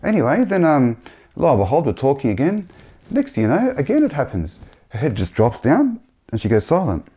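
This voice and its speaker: A man sharing a personal religious testimony in a halting, earnest way, often repeating himself. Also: medium pitch, wildly swooping pitch, warm tone, breathy edge.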